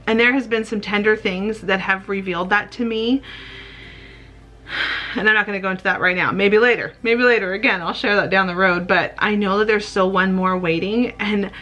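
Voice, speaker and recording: A woman's voice: mid-range voice, fairly even intonation, moderate pace, pushed and bright, faint music behind. A woman in her late thirties talking candidly and a little rambling in a personal vlog, open and tender with small laughs. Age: late 30s. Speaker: vlogger.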